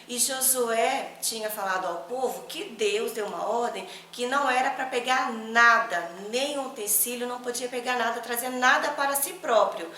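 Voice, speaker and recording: A woman's voice: a little high, moderate pace, hardly any pauses, reverberant, far from the mic, a little hiss or hum. Brazilian woman telling children a Bible story. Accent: Brazilian Portuguese. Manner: animated, asks the children questions.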